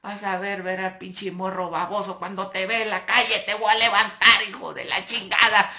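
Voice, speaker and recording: A storyteller puts on a furious fat old party boss, his voice pushed up high and piercing. He whines and spits insults as if he is on the verge of tears. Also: level tone, moderate pace, bright, forceful tone, full character voice. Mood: threatening. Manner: shrill, whiny, insulting.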